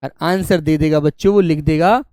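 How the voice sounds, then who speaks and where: A man teaching an online grammar class, fondly calling his students "beta" and repeating key words slowly for them to write down. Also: on the high side, darkish tone, no echo. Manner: affectionate, calls students "beta" and "my dear children".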